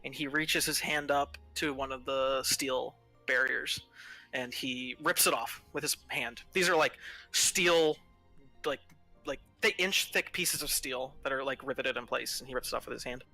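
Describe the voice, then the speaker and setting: A man's voice: medium pitch, normal speed, sharp tone, soft background music, rough recording. A man narrating a tabletop game as game master in a casual way, with many fillers and asides.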